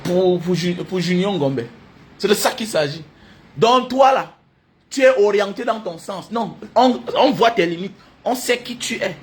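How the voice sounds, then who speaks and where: A man delivering an impassioned, hectoring monologue, repeating points emphatically and breaking into laughter. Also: high-pitched. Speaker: commentator addressing online critics.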